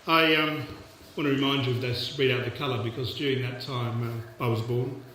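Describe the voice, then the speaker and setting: An Australian man in his sixties speaks to a gathering in a reflective, halting manner. His medium-pitched voice is heard from away from the mic in a heavily reverberant space, with faint noise behind it. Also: steady tone. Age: 60s. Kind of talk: informal public speech. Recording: echoey hall, distant mic, background noise.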